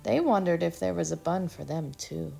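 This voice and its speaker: Over music, a woman from Texas expressively reads a children's story aloud. Her voice is fairly low and creaky, delivered at normal speed.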